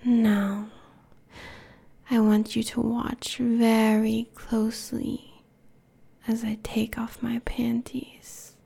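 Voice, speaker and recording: A woman voicing a cruel, domineering immortal queen in a hushed, breathy whisper, slow and menacing. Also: on the high side, level tone, full character voice. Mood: commanding. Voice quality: breathy whisper with gravelly fry. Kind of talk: whispered audio roleplay.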